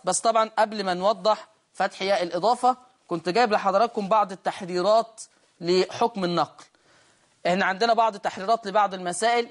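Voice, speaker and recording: A woman with an Egyptian accent teaching Quran recitation rules, asking questions and answering them herself, and reading quoted verses slowly. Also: mid-range voice. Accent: Egyptian Arabic. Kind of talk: online recitation lesson.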